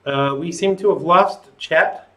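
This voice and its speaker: A man with a fairly high, forceful voice hosts a live call-in show. He speaks conversationally and gives his opinions with a sardonic edge. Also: unhurried.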